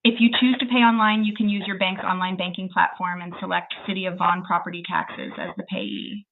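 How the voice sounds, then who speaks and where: This synthetic female assistant has a lowish, gravelly voice, a steady tone and a fairly quick pace. She answers customer service questions politely, formally and from a script without ever hesitating, heard over a phone call that sounds tinny with a bit of noise.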